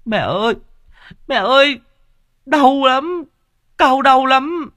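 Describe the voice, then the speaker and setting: A man voicing a sick young village boy, crying out in shrill, strained wails in an audiobook. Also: expressive, takes it slowly, sharp tone, dry recording, clean studio sound, exaggerated voice. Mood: agonized.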